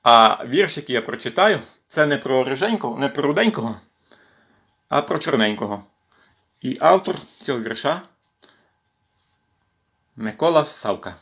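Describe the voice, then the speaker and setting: Man from western ukraine, poetry recital, expressive, mid pitch, at home. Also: normal speed, pauses often. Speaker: poetry reader in a volunteer series. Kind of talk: reciting poems in a home livestream. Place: at home with his cat.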